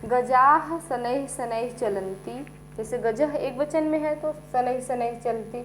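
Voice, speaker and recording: A high-pitched woman teacher gives a slow, step-by-step classroom explanation, frequently saying "ठीक है." The recording is low quality, with a faint mains hum.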